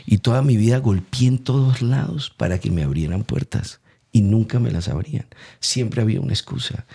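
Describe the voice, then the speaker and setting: A young Colombian man giving an emotional faith testimony as an interview guest, storytelling with lively acted-out quotes. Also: fairly low pitch, normal speed, vocal fry, slightly rough. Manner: animated storyteller acting out quoted voices.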